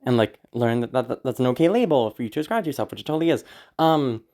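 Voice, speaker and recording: An audio creator talks informally with listeners in an animated, fast, mid-pitched voice with a mellow quality. Sick and sore-throated, they sound tired as they ramble hesitantly, anxious and apologetic, swearing casually.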